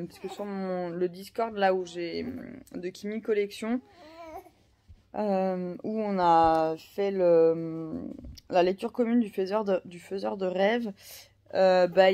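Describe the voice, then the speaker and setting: A woman's voice: medium pitch, mellow. A woman in her thirties chatting casually in a vlog, rambling with many fillers and restarts. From France. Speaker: vlogger.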